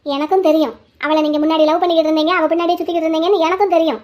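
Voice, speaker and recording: Brief: a woman playing an accusing cartoon wife, high and fast, suspicious. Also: fairly even intonation, lo-fi sound. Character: jealous young cartoon wife, suspicious and sharp.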